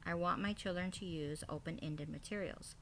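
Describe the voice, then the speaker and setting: Female teacher, low voice, scripted classroom presentation delivered item by item, slightly noisy home-made recording. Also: moderate pace, fairly bright tone. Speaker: kindergarten teacher. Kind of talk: scripted presentation, reading out a lesson plan.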